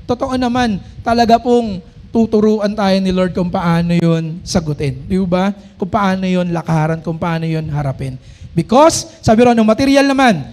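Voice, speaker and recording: A middle-aged male pastor preaching a sermon, often calling out to the congregation and reading scripture slowly and loudly. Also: very high voice. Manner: preaching with frequent call-and-response to the congregation.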